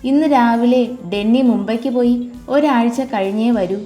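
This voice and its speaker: A kind young man who reassures his mother calmly and teases her now and then, as a woman narrator voices him. The tone is mellow and slightly high. Soft music sits behind a roomy echo. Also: normal speed, lightly acted. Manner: calm, reassuring. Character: kind young man, gentle and teasing son. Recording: echoey room with soft music.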